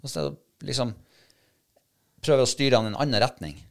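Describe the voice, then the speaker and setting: A man telling a story in casual chat, animated and quoting the people he met. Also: medium pitch. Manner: lively, animated retelling, quoting others. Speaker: dog handler telling a story.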